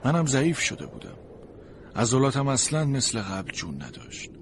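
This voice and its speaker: A storybook unfolds through a sled dog's eyes as a man reads it in a plaintive, expressive manner. His pitch is medium, and there's a little background noise.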